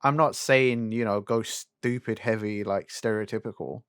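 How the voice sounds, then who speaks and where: A man's voice: fairly low pitch, normal speed, fairly bright tone, clear, resonant tone, dry recording, clean studio sound. A young man co-hosting a casual, sweary chat, griping and asking rhetorical questions. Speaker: podcast co-host. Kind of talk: casual chat about animation and games.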